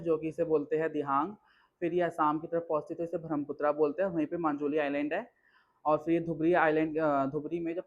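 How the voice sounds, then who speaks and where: A teenage boy, a school student, reciting a geography lesson from memory, listing names with pauses and restarts. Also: fairly high pitch. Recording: dull lo-fi sound.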